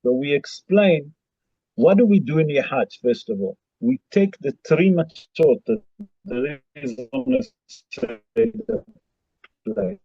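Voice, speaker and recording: Rabbi breaking up on a group video call. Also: male voice, a little high, very animated, vocal fry, dark tone, husky, no echo. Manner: halting, repeats himself while the line breaks up. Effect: voice over a choppy group video call. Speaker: rabbi teaching a class. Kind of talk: informal teaching over a video call. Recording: muffled lo-fi internet call audio.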